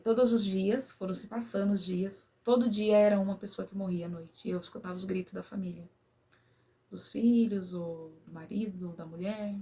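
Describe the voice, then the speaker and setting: Breathy woman, emotional personal story, soft trailing asides. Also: mid-range voice. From São Paulo, Brazil. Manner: emotional, many "né?" and "sabe assim?" tags, quiet at sad moments. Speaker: vlogger.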